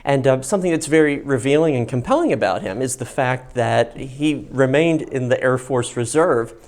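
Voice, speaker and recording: A man's voice: mid-range voice, lively intonation, moderate pace, a little mellow. Man giving an explanatory museum tour. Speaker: host of a history and film channel, guiding a museum tour. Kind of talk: informal on-location guided tour narration. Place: inside a museum gallery.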